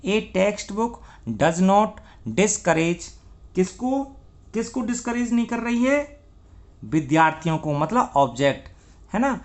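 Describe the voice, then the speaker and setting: Male tutor, gravelly and fairly high; grammar class that asks and answers its own questions. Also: expressive, slow. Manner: asks questions and answers them himself, spells words letter by letter. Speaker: English grammar teacher. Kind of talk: classroom lesson.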